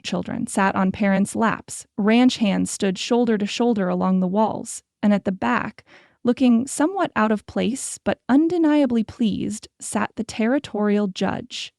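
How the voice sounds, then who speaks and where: Gravelly, warm woman narrating a romance audiobook. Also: mid-range voice, no room sound, clean studio sound. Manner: measured, descriptive storytelling. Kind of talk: scripted narration.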